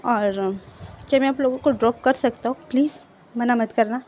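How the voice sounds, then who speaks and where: A calm, charming young man, voiced by a woman narrator in a read-aloud fan story. He speaks with courteous politeness in a mellow voice that sits slightly high. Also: normal speed, a little hiss or hum, natural voice.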